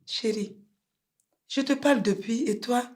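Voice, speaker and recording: A woman's voice: fairly high pitch, unhurried, darkish tone, natural voice. An actress with a Burkinabè French accent, playing a devoted wife who pleads earnestly with her husband. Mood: pleading.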